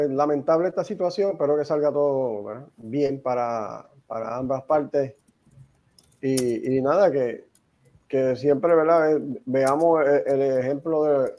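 A man with a dark, mellow voice joins a podcast over a video call. His speech is halting, full of fillers and repeated words as he finds his thought. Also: mid-range voice. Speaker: co-host. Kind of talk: casual chat.

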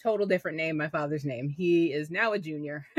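A woman co-hosting a casual podcast, telling stories with frequent laughter. Her voice sits on the low side for a woman. The sound is dry and close, with no room echo. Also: fairly quick, lo-fi sound. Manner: laughs often, animated storytelling. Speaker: podcast co-host. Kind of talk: casual chat.

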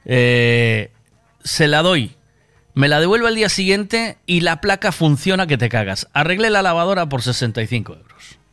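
A man with a Castilian Spanish accent chatting casually, telling anecdotes in a colloquial, sweary, animated way. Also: fairly high pitch, normal speed, clear, resonant tone, dry recording.

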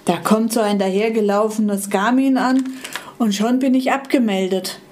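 A woman's voice: medium pitch, fairly even intonation, normal speed, a little mellow, a little hiss or hum, lightly acted. A grumpy, discarded old handheld computer from a storybook grumbles bitterly about being replaced, as a woman acts him out. His tone is curt and resentful.

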